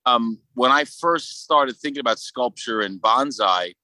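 A man with a Brooklyn accent talking casually as a podcast guest, in a halting, rambling way full of "you know". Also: mid-range voice, sharp tone, no room sound, low-quality recording. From Brooklyn, New York. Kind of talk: casual conversational interview.

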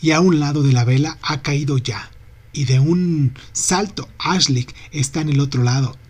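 A man narrating a literary novel in a steady, unhurried reading voice. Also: fairly high pitch. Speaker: audiobook narrator.

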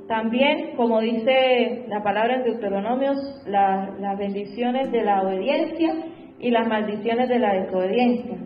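A woman preaching a sermon. She speaks fervently and keeps repeating her refrains to the congregation. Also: on the high side. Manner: fervent, repeats "hermano" and "gloria al Señor". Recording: echoey room, dull lo-fi sound, faint music behind.

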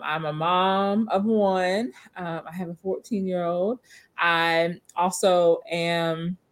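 A woman therapist with a Kentucky accent in a casual chat, relaxed and hesitant with fillers. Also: lowish voice.

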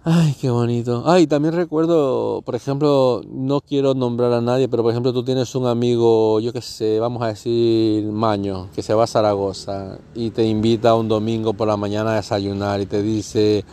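A man's voice: lowish voice, level tone, moderate pace, hardly any pauses, dark tone. A man from Catalonia, hosting a podcast in a sarcastic, profane comedic monologue. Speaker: podcast host.

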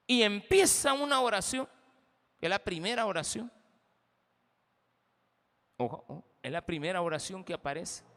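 Brief: impassioned Salvadoran male pastor, bright forceful voice, big echoing church. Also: high voice, lively intonation, moderate pace, pauses often. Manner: impassioned, addresses the congregation directly. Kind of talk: sermon.

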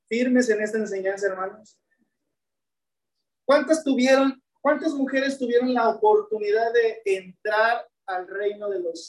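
A woman with a fairly high, somewhat dark voice preaches a sermon, frequently posing rhetorical questions to the congregation and calling them brethren. She sounds distant, recorded in an echoey room.

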